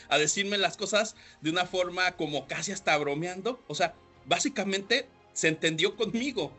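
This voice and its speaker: A man hosting a leadership podcast, explaining points with rhetorical questions and frequent throat clearing. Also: high voice, pushed and bright. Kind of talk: solo podcast talk.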